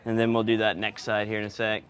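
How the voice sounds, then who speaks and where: Background noise is plainly audible in this on-location clip of a host and sound engineer chatting as he works. He teases casually while explaining, his lowish, slightly bright voice fast and monotone.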